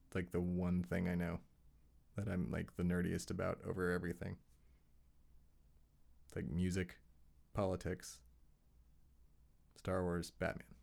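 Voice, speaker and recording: A man's voice: low-pitched, completely flat delivery, a little slow, creaky, long pauses, darkish tone. A man hosting his own podcast, giving a casual, rambling solo update with self-mocking asides. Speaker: podcast host.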